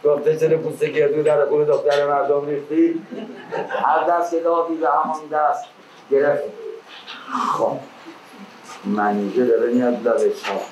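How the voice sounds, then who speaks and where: A man's voice: fairly high pitch, steady tone, darkish tone. A man telling tales as a traditional epic teahouse storyteller, theatrical, moving between declaimed verse and colloquial prose. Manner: theatrical, with raised declaimed calls and drawn-out verse. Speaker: traditional Persian storyteller (naqqal). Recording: echoey room with faint background noise.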